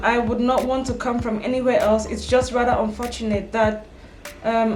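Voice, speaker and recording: A woman's voice: fairly high pitch, darkish tone. A young woman from Cameroon, chatting casually in a get-to-know-me vlog, full of ums and self-corrections. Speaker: vlogger. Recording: echoey room with background music.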